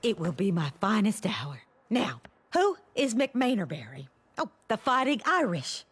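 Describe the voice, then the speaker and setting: A woman voicing a self-important, bossy middle-aged mom who coaches a halftime show in an animated comedy. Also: medium pitch, measured pace, slightly rough.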